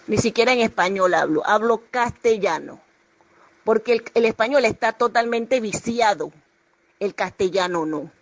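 A woman making her case in an online religious debate, speaking deliberately and with emphasis. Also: medium pitch, dry recording, dull audio.

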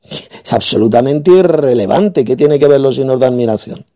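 A man's voice: medium pitch, expressive, moderate pace, dark tone. A man from in a heated religious debate, combative and insulting, hammering his points home with repetition.

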